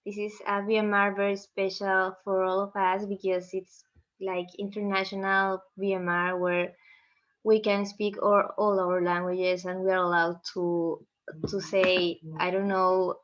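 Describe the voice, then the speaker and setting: A young woman from Peru speaks in casual video call chat, friendly and halting as she hunts for words. Her voice sits in a middle range and sounds a little dull and muffled over the call. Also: medium pitch, little pitch movement. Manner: warm, halting, searches for words. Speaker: medical student.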